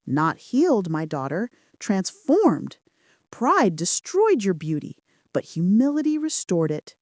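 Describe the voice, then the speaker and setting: A woman voicing a wise, gentle elderly village woman, speaking slowly in a lowered, solemn voice. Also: big pitch swings, dry recording, studio quality.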